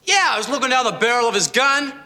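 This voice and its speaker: An actor playing an excitable, boastful young tough guy in a noir drama, strained and insistent. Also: extremely high pitch, quick pace, exaggerated voice. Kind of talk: noir detective drama dialogue.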